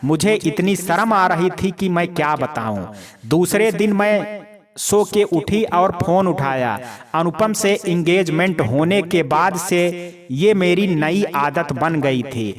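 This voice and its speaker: A man narrating a first-person family story in a calm, unhurried storytelling manner. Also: high-pitched, crowd noise.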